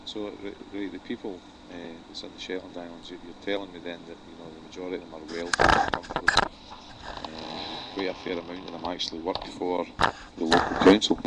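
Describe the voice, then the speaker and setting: A man's voice: low voice, little pitch movement, quick pace, heavy background noise. A man hosting a radio interview, asking blunt questions. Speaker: radio host.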